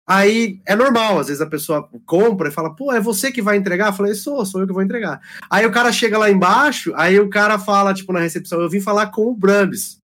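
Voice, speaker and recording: A man with a strong rural Brazilian R, telling a story as a podcast guest in a chatty, animated way and acting out the quoted lines. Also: sits high, fairly quick, hardly any pauses. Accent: Brazilian countryside, strong rolled R. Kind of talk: casual chat.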